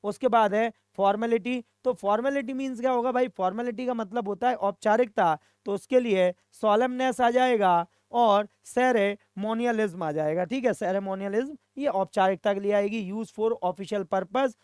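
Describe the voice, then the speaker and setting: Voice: medium pitch, moderate pace, hardly any pauses, darkish tone, clean tone, no echo. Teacher quizzing students, dry sound. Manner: mixes Hindi and English, asks and answers own questions; repeats "okay" to check in with students. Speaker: English vocabulary teacher. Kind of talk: recorded exam-prep lesson.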